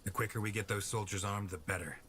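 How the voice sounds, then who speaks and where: An actor plays a calm, brisk male commander in a game, handing out short orders in a very deep voice. A faint hiss of noise sits under the audio. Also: natural voice. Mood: commanding. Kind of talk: game dialogue.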